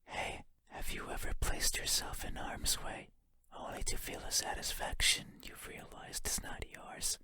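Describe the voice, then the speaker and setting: For a horror video game, a man voices a lonely, wordless monster lurking in the dark, speaking in a breathy whisper that is halting, intimate, and lightly acted. The monologue is eerie and yearning, musing in formal phrasing.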